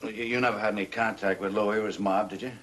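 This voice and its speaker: An actor playing a tough, dryly mocking police detective in an old crime drama, with clipped slangy talk. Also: male voice, lowish voice, steady tone, fast talker, fairly bright tone, a little hiss or hum, natural voice. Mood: tough, scheming.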